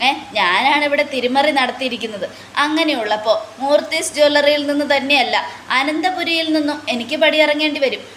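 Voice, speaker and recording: A woman's voice: high voice, a little fast, fairly bright tone, roomy sound, a little hiss or hum, voice pushed up. A woman voicing a scheming male manager who brushes off fears with dismissive confidence. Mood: scheming assurance. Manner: dismissive, reassuring with contempt.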